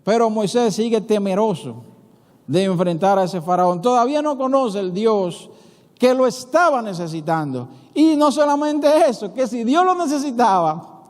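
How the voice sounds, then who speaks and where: A high-voiced pastor from the Dominican Republic, with a Dominican Spanish accent, preaches a sermon at normal speed in an animated, conversational style, often questioning the congregation. He acts out dialogue between biblical figures, his voice ringing with long reverb through the church sanctuary.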